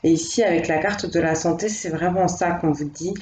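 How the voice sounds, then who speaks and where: A woman doing a casual, spoken tarot reading as host, thinking aloud in a gentle, reassuring way. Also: lowish voice, brisk, roomy sound, muffled recording, a little hiss or hum. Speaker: tarot card reader.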